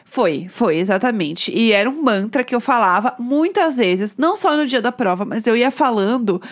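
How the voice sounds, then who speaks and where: A woman's voice: on the high side, animated, moderate pace. A woman co-hosting a podcast from a home studio, chatty and enthusiastic as she gives listeners advice. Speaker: podcast co-host. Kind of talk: casual chat.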